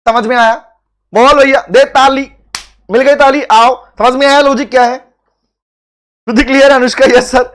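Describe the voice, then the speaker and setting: A man's voice: very high-pitched, little pitch movement, a little slow, pauses often, a bit bright. A man teaching a live online law class, teasing and calling on students by name, repeating phrases for emphasis.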